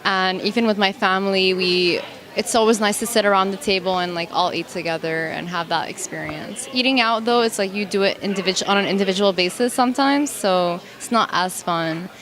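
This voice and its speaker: A woman of twenty answering interview questions in a thoughtful, halting way. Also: mid-range voice, fairly bright tone. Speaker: student interviewee.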